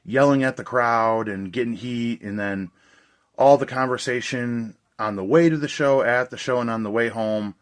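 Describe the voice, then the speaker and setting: A young man's mid-range, slightly hoarse voice moves at a moderate pace as he discusses a movie release. He's casual and enthusiastic, making a review for his video channel.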